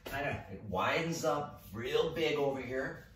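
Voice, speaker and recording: In a relaxed, halting tutorial, a middle-aged mural painter with a voice on the high side thinks aloud while painting at a wall indoors. The casual demonstration is recorded in an echoey room with a distant mic and faint background noise.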